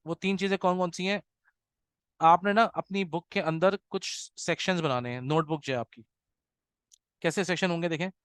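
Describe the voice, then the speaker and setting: An Arabic teacher runs a grammar class patiently, repeating examples slowly and checking in with his students. His slightly high voice sounds smooth, crisp, and a bit bright, captured dry and close with no room echo.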